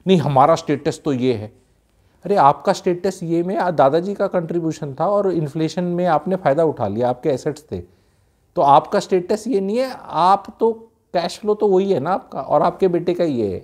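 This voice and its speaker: A man's voice: high voice, lively intonation, moderate pace, a little mellow. A man from Haryana giving blunt advice to young people, mixing in English phrases and asking rhetorical questions. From Haryana, India. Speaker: youth advice speaker. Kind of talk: casual advice talk.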